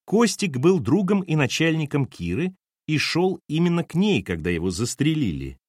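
A man reading a novel aloud as an audiobook narrator, with expressive delivery. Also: fairly high pitch, moderate pace, dry recording, studio quality. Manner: expressive, lively intonation.

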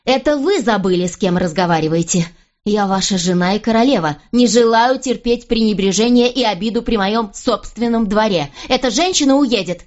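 A woman reader voicing an indignant pregnant young queen with a shrill, demanding manner. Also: lively intonation, moderate pace, darkish tone, lightly acted. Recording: dull lo-fi recording.

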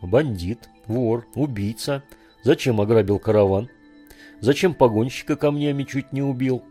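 A man's voice: medium pitch, normal speed, dark tone, soft background music, lightly acted. A man reading a storybook voicing a terse, commanding young hunter. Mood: stern. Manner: stern, terse.

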